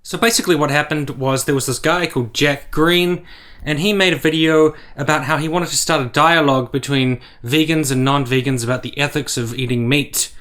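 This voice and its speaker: A man's voice: a little high, fairly even intonation, a little fast, fairly bright tone. A man giving blunt, sarcastic, profane opinion commentary for a vlog. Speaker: commentary YouTuber.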